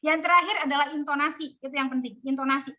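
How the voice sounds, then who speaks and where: A woman giving an animated communication workshop over an online call. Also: sits high, quick pace, highs cut off. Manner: animated, demonstrates speaking styles, mixes in Javanese phrases. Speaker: webinar speaker on communication. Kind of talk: lively workshop talk.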